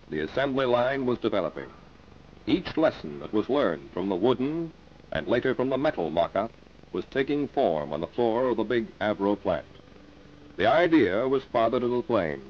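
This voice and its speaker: A man giving scripted narration for an old 1950s newsreel, in a dramatic announcer delivery. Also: fairly low pitch. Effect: old newsreel recording. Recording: dull lo-fi sound with faint hiss.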